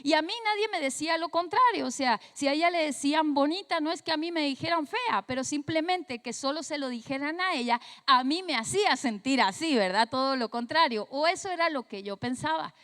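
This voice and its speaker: A woman pastor, slightly hoarse, telling a personal story in a conversational sermon with frequent tag questions. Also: sits high, animated, brisk, hardly any pauses, a bit bright, in a large hall.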